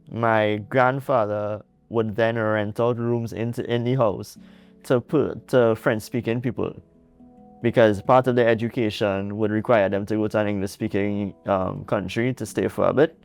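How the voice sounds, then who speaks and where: A man's voice: lowish voice, vocal fry, smooth. A young Trinidadian man, a guest in an interview, telling his story earnestly with restarts and light laughs. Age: young adult. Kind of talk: casual interview.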